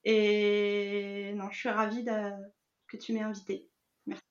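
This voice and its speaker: A woman's voice: medium pitch, monotone, measured pace, echoey room, lo-fi sound. A woman guest on a podcast, giving brief, friendly answers. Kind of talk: casual podcast interview.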